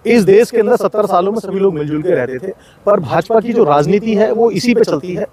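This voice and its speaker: A man's voice: high-pitched, animated, a little fast, a crowd in the background. A man speaking as an activist in a street interview, lecturing with passion and repeating phrases for emphasis. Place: outdoors in a crowded public place.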